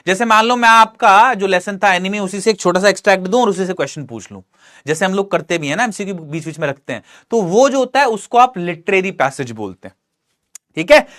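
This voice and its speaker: A male English teacher giving an exam-prep lesson with a very lively, swooping delivery. He coaxes his students along and keeps putting questions to the class, then answering them himself. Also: high voice. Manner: animated, coaxing, asks and answers his own questions.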